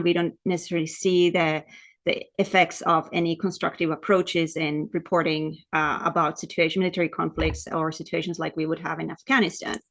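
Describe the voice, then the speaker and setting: She's an academic researcher from Lapland giving a webinar presentation via video call, lecturing in a Finnish accent and often repeating words while explaining. Her voice sits lowish and has a fairly bright tone.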